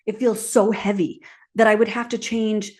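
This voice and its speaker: A woman's voice: mid-range voice, flat delivery, moderate pace, darkish tone. A woman hosting a podcast who tells a personal story and laughs as she acts out her own quotes. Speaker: podcast host.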